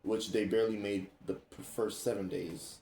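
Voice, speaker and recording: A man hosting a casual chat, telling stories in an animated way, laughing and acting out what others said. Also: on the low side, normal speed, slight background noise. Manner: animated, laughing, acts out quoted speech. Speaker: streamer and host. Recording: roomy echo.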